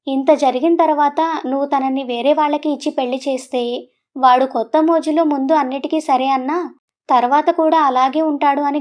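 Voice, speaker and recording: A woman's voice: high voice, darkish tone, lightly acted. A woman voicing a stubborn, headstrong young woman who talks in an insistent, coaxing way.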